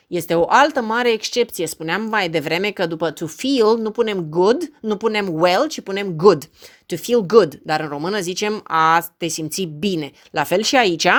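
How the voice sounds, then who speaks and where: Woman teaching English verbs. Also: on the low side. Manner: reads English examples slowly and clearly, then translates. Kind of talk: online language lesson.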